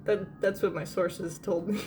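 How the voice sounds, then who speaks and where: A woman's voice: on the low side, fairly even intonation, loud music behind the voice. A woman playing at a tabletop game, chatting casually in a playful, joking way. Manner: playful and giggly, quick to joke. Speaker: player. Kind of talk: casual tabletop role-play chat.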